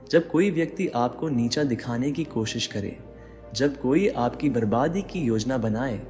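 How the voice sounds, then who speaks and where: A man's darkish, mid-range voice delivers a dramatic motivational address straight to the listener, using rhetorical questions. The sound has long reverb with faint music underneath.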